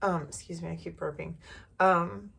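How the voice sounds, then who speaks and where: A woman speaks candidly in a casual personal vlog, her voice sitting a little low for a woman. She rambles, fills gaps with "um" and "like", and restarts her sentences often. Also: steady tone, moderate pace, gravelly, a bit bright, slightly rough. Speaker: vlogger.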